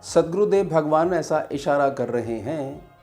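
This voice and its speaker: A man, a spiritual teacher, giving a devotional teaching talk in a slow, measured way with pauses. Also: on the high side, lively intonation, darkish tone, faint music behind.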